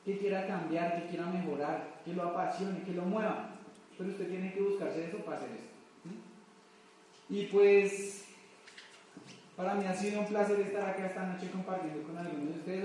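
A man's voice: high-pitched, darkish tone, a little hiss or hum. A man with a Colombian accent giving a motivational talk to a live audience, asking rhetorical questions and telling folksy stories. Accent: Colombian Spanish. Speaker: motivational speaker at a business event. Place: large echoey event hall. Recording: echoey hall from far off.

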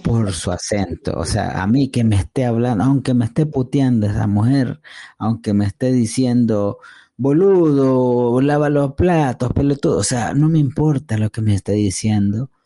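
A man with a Central American accent hosts a casual podcast, teasing his guest and repeating himself for emphasis. His voice sits low and warm. The sound is close and dry. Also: dry recording. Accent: Central American Spanish. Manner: slow, teasing, emphatic repetition. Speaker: podcast host. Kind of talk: joking casual chat.

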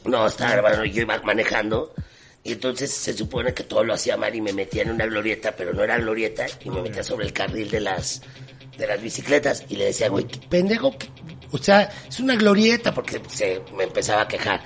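A man's voice: lowish voice, quick pace, soft background music. A man with a Mexican accent, co-hosting a casual comedic podcast, telling stories and acting out the people in them. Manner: animated storyteller who acts out people he quotes. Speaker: podcast co-host.

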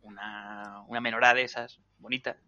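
A man chatting excitably on a podcast, casually swearing. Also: on the low side, normal speed. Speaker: podcast co-host. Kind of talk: casual chat. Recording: dull lo-fi sound.

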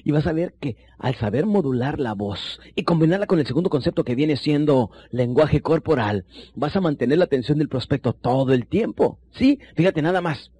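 A man teaching sales techniques, shifting between quick bursts and low, slow emphasis while speaking straight to the listener. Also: animated, dark tone, breathy edge. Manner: addresses listener directly as compañero. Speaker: sales trainer. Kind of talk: recorded sales seminar lesson.

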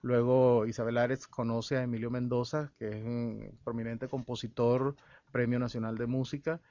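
A man from El Salvador talks as a guest in a radio studio. He speaks in a halting way, full of fillers and restarts, at a middling pitch. The broadcast sound is dull and lo-fi. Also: little pitch movement, warm tone, no room sound. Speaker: guest musician and researcher. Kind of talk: radio interview conversation.

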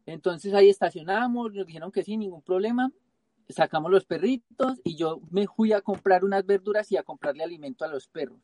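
A Colombian man, a guest, telling a travel story in a lively way and acting out the dialogue. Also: high-pitched, a little fast, no echo. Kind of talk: casual storytelling interview.

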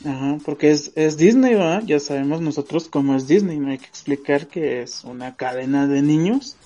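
A man, co-hosting a casual podcast and musing out loud with many fillers. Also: a little high. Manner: thoughtful, pauses with fillers, tags "¿va?". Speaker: podcast co-host. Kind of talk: casual opinion chat. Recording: dull lo-fi audio with faint music.

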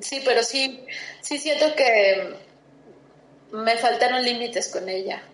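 A woman's voice: fairly high pitch, takes it slowly. A middle-aged woman gives personal testimony in an interview, talking earnestly and reflectively with many restarts and fillers. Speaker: interview guest. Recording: roomy echo.

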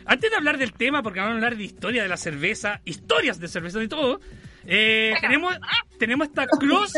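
A man with a Chilean accent co-hosting a casual chat show, animated and laughing often. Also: very high voice, brisk, faint music behind. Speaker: co-host.

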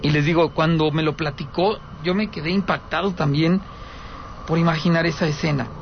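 This call-in radio host from Aguascalientes, Mexico has a strikingly high voice and a moderate pace as he dramatizes an eerie paranormal tale. He goes back over the main points and speaks right to his audience, over dull, lo-fi audio with faint hiss.

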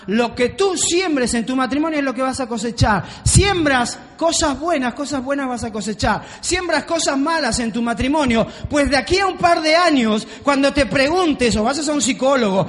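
A man preaches a lively sermon in a very high voice and speaks straight to the congregation. He slips into the voices of the people he quotes. The sound carries a long reverb from the church hall. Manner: animated, acts out quoted voices.

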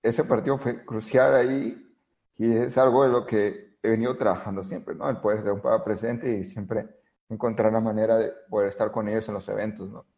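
A man's voice: lowish voice, flat delivery, fairly quick, a little mellow, echoey room. A man with a Mexican accent, a podcast guest telling his story in an earnest, hesitant way with many fillers. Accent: Mexican Spanish. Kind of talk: storytelling in a conversation. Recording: dull lo-fi audio.

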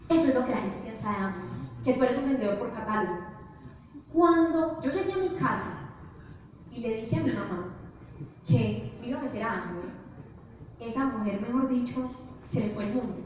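A young woman giving a motivational business presentation, telling stories to an audience with lively animation. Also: on the high side, moderate pace, pauses often, a little hiss or hum. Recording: echoey hall, distant, dull.

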